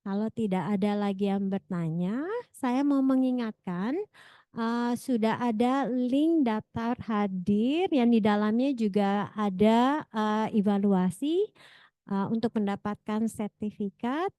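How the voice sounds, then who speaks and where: Bright-pitched woman moderating a seminar. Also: slow, no echo. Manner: friendly, laughs often, rephrases as she goes.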